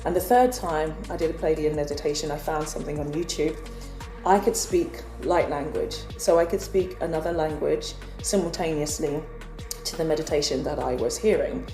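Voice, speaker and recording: A woman's voice: sits low, moderate pace, dark tone, echoey room, soft background music. A woman from England earnestly telling a personal spiritual story in a casual vlog. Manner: earnest, confessional. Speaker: spiritual vlogger.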